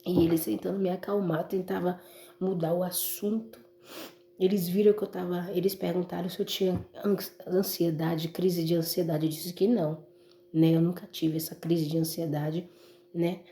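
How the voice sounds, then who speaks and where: A woman's voice: lowish voice, little pitch movement, normal speed, mellow, reverberant. A Brazilian woman giving an emotional church testimony, speaking straight to her listeners as brothers and folks. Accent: Brazilian Portuguese.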